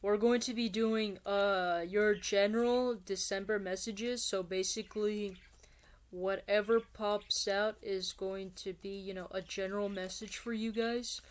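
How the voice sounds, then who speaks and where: A woman's voice: medium pitch, steady tone, unhurried. A woman giving a casual tarot reading, chatty and rambling, talking straight to her viewers as "you guys". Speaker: tarot reader.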